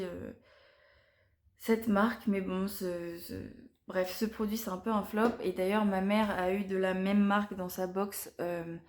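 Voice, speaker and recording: A young woman reviewing beauty products to camera in a casual, chatty way, often pausing and restarting her sentences. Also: mid-range voice, darkish tone. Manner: chatty and hesitant, frequent pauses and restarts. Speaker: beauty vlogger.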